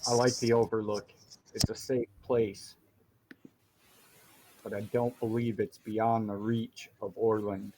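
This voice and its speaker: A man voicing a male dwarf who speaks in a formal, measured and guarded way. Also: on the low side, little pitch movement, dark tone, a little hiss or hum, natural voice.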